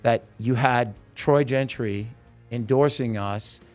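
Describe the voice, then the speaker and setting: A man talking in an easy, mid-pitched voice, spinning a long anecdote and slipping into the voices of the people he quotes. A faint music bed plays under him throughout. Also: takes it slowly. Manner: animated anecdote teller, acts out quoted voices. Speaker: guest musician. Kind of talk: casual storytelling.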